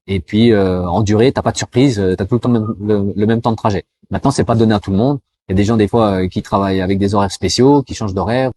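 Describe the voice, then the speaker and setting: A man from France talking casually to the viewer, full of fillers, slowing down to spell out greetings. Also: lowish voice, dark tone, no room sound. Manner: chatty, addresses viewer as tu, frequent euh fillers; slows down to demonstrate pronunciation. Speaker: vlogger giving advice to cross-border workers. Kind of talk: casual explanatory talk with mini language lesson.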